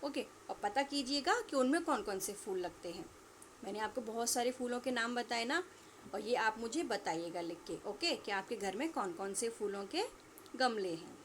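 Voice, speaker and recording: A woman's voice: a little high, lively intonation, a little hiss or hum. A woman teacher giving a lesson to young children, asking questions and answering them herself, and stretching out words for pupils to repeat. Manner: slow, drawn-out repetition for pupils to echo. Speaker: school teacher.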